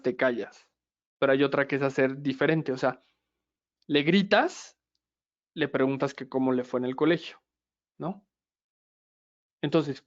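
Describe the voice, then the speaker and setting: A man's voice: fairly high pitch, muffled recording. A male lecturer, explaining step by step and checking in with the class again and again. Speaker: lecturer in systemic therapy.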